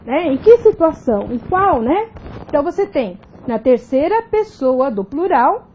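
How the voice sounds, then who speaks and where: A woman's voice: high voice, big pitch swings, unhurried, muffled recording, slight background noise. A Brazilian woman teacher giving a recorded grammar video lesson, explaining step by step and often checking in with tag questions. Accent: Brazilian Portuguese.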